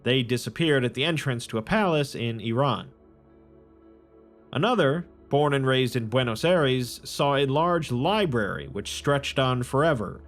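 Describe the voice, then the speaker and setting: A man giving scripted, measured narration of a strange tale. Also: mid-range voice. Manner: measured, descriptive storytelling. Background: faint music.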